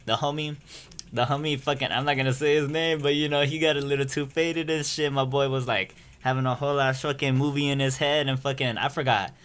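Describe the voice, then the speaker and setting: Young man, mid pitch, loose slangy storytelling, profane and rambling. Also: steady tone, brisk, a bit bright, clean tone. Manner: rambling, slangy and profane, keeps saying "you feel me". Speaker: storyteller vlogger. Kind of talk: casual story time.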